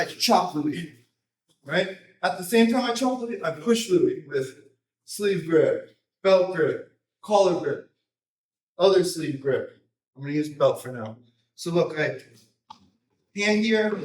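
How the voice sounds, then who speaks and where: A man coaching a jiu-jitsu technique, explaining casually in short, choppy phrases and often checking in with a quick tag question. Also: sits high, expressive. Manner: informal, choppy phrases with repeated tag "right?". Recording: roomy echo, distant microphone.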